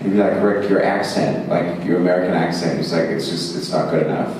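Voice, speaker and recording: A man's voice: low voice, steady tone, fairly quick, a little mellow, distant mic, slight background noise. A man from Zimbabwe, an actor answering fan questions at a convention panel, rambling and self-mocking with frequent laughs and fillers. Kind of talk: convention Q&A storytelling. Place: large convention hall. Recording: echoey hall, mic heard from afar.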